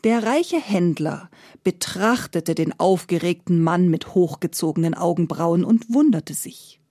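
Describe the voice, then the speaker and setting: A woman's voice: fairly low pitch, animated, unhurried, warm tone, no room sound, studio quality. A woman storyteller narrating a folk tale expressively, often letting phrases fade into a whisper.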